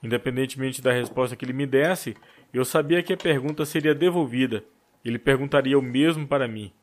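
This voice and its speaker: A man reading a story aloud as an audiobook narrator, in a steady storytelling manner. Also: mid-range voice, brisk. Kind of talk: scripted narration.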